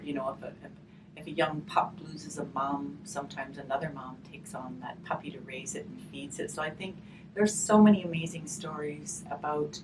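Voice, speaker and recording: A hospice volunteer with a low voice leads a gentle grief session that includes reading a storybook aloud. The microphone is distant, and the room ambience is clearly noisy.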